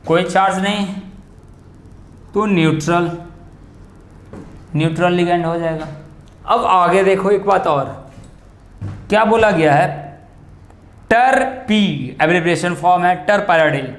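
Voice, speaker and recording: High-voiced man teaching chemistry. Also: echoey room. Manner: questions and answers himself, drawn-out key terms. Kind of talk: classroom lecture on coordination compounds.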